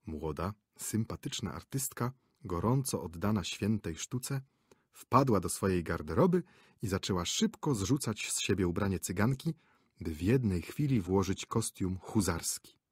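Husky, expressive male audiobook narrator. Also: low voice, measured pace, dry recording, studio quality. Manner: expressive, lively reading. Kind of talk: audiobook reading of a classic story.

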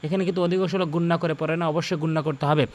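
Man, high-pitched voice, recitation teacher, slow repeated drilling of syllables, earnest corrective tone. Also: fairly even intonation, a little mellow. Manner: drills syllables slowly and repeats them many times; earnest and corrective, warns about common mistakes. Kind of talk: instructional lesson with chanted examples.

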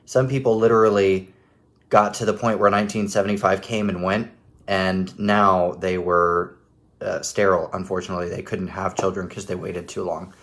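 A man's voice: low voice, flat delivery, normal speed, a bit bright. A man in his thirties hosting a casual, critical commentary video from home, with a sarcastic edge. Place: living room at home.

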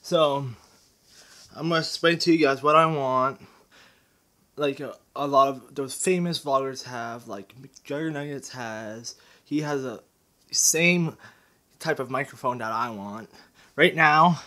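Talking casually to camera, a vlogger rambles from point to point, hesitating and restarting sentences. His medium-pitched voice is bright and forceful, a little out of breath, at a measured pace, picked up by a handheld camera mic.

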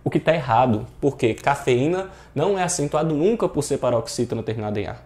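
A man's voice: medium pitch, animated, fast, a little mellow. A Brazilian Portuguese-speaking male teacher explaining grammar exercises in an online exam-prep class, often checking in with rhetorical questions.

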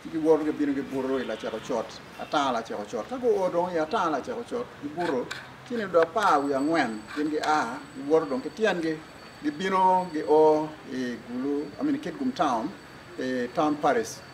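An older Ugandan-accented man, a church official serving as diocesan secretary, explains things during an outdoor interview in front of a building. His voice is on the high side, expressive and brisk. Outdoor ambience and background noise come through clearly.

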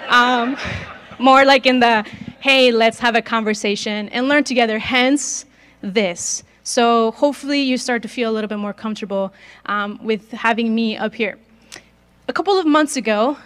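A woman in her twenties with a fairly high, fairly bright voice preaches a chatty sermon as a guest speaker, asking the audience questions. She grew up in northern Mexico speaking Spanish first, carries a slight Mexican accent, and uses a handheld mic in a large gym.

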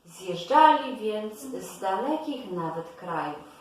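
A woman reads a fairy tale aloud at an unhurried, careful pace, like a storybook narrator. Her voice comes from some distance off in a very echoey room. A faint hiss sits underneath. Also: mid-range voice, big pitch swings. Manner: slow, deliberate storytelling delivery.

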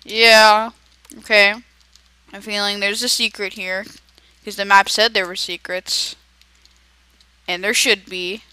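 An excitable teenage boy narrates his game aloud in a chatty, rambling way. His voice is bright and smooth, and the recording is dry and close. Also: sits high, slow pace, long pauses, dry recording, poor audio. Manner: excitable, chatty, talks to himself while playing. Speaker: gaming video creator. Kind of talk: casual gameplay commentary.

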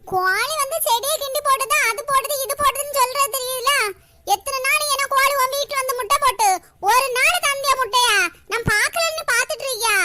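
A woman voicing a loud, sharp-tongued village woman in a cartoon, scolding and sarcastic. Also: very high voice, slight background noise, exaggerated voice. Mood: angry. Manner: scolding, sarcastic, rapid complaints. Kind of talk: animated cartoon voice acting.

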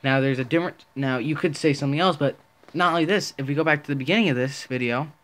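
A man's voice: fairly high pitch, fast, a bit bright. A man making a casual commentary video, rambling and indignant, often restarting his sentences. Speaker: small online video creator.

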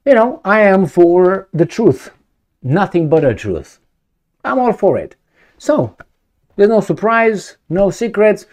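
A middle-aged Romanian man offers casual commentary to camera from a home study lined with bookshelves. He's emphatic and repetitive, throwing out rhetorical questions, in a high-pitched, slow, slightly mellow voice with big pitch swings.

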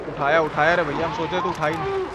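With a fairly high voice that swoops wildly in pitch, this game streamer talks a little fast. His live commentary is casual and slangy as he gripes at the game and chats with viewers, over noisy game audio and sound effects.

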